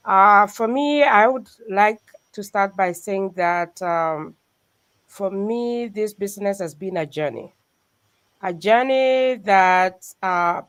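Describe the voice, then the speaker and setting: A woman from Kenya joins a livestream as a guest and speaks in a thankful, reflective way. She hesitates with small fillers as she gathers her thoughts, and her voice comes through a video call. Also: medium pitch. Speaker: guest and pastor. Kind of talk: casual livestream talk.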